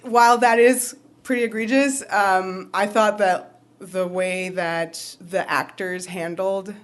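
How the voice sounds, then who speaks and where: A woman co-hosting a casual fan podcast, talking in an animated way with quick asides and frequent laughs. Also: medium pitch. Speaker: podcast co-host.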